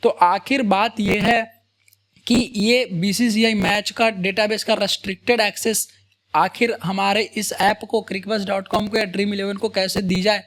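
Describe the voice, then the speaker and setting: A man's voice: sits high, a bit bright. A man teaches a screen-recorded coding lesson. He talks in a loose, conversational way and keeps checking in with his viewers by asking "right?" and "boss?". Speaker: programming tutor.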